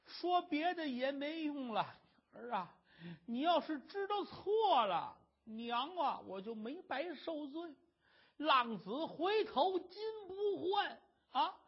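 A man's voice: very high voice, sing-song, slow pace, voice pushed up, exaggerated voice. A man voicing a tearful old mother. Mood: tearful, tender. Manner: weepy, soothing. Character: grief-stricken old mother, tender and forgiving. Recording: dull lo-fi recording.

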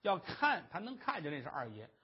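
A man performing traditional Chinese storytelling, lively and dramatic, on a dull lo-fi recording. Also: fairly quick, slightly rough. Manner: lively, dramatic, shifting pitch.

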